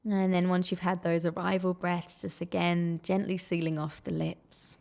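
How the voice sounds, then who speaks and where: Guiding a meditation, this woman keeps a lowish, creaky voice and a flat delivery. Her manner is soft and calming, unhurried, with long silences between phrases.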